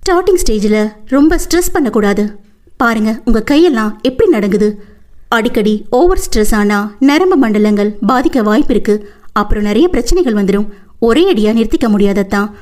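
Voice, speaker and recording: A woman voicing a gentle young wife in an audiobook, reassuring her husband softly and quickly. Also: fairly high pitch, lively intonation, close to an everyday voice. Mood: soothing. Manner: soothing and reassuring.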